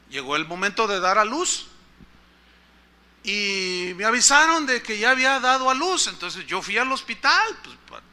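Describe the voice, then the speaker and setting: A Mexican-accented pastor with a high, very bright, forceful voice. He preaches in a conversational storytelling style and often asks the congregation questions. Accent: Mexican Spanish. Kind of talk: storytelling sermon.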